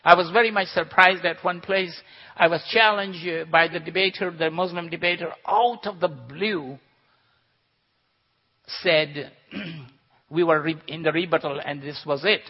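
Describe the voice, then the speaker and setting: A man's voice: fairly high pitch, steady tone, moderate pace. A man teaching in an earnest, instructive manner and telling anecdotes, in a dull recording with long hall reverb. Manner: earnest, instructive, tells jokes. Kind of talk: lecture with anecdotes.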